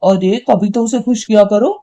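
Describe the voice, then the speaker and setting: A woman's voice: medium pitch, moderate pace, dark tone, natural voice. A woman voicing a hot-tempered young husband and son in a cartoon, scolding and indignant. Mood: angry. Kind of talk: cartoon voice acting.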